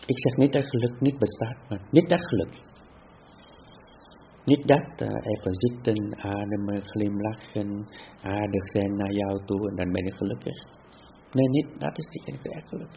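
Male meditation teacher, spiritual talk, halting restarts, lo-fi with light hiss. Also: lowish voice, gravelly. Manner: deliberate, repetitive phrasing with halting restarts. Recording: dull lo-fi with faint hiss.

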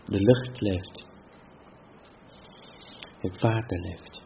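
A man giving a spiritual talk as a meditation teacher, speaking deliberately with repetitive phrasing and halting restarts. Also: low-pitched, fairly even intonation, creaky. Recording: dull lo-fi with faint hiss.

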